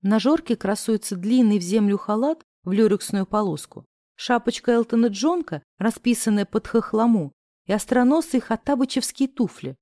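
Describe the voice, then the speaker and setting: A woman narrating a novel in the first person, expressive and acting out the other characters' lines. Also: on the high side, normal speed, no echo, studio quality. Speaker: audiobook narrator.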